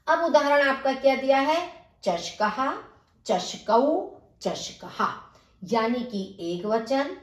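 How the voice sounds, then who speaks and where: A woman teacher working through a textbook exercise, spelling words out sound by sound and explaining each step. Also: mid-range voice. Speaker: Sanskrit teacher. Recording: echoey room.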